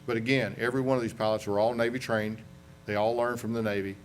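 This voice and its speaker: A man's voice: lowish voice, flat delivery, fast talker, a little hiss or hum. A man with a Southern US accent, an accident investigator presenting at a conference in a folksy, rambling way, with restarts and asides. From North Carolina. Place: conference room.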